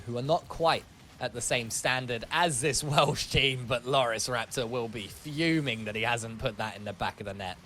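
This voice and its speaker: A man offers relaxed, playful analysis alongside the play-by-play in an ordinary mid-range voice. Faint event ambience hums behind him. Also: mid-range voice, a little hiss or hum. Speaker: esports co-caster. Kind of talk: esports color commentary.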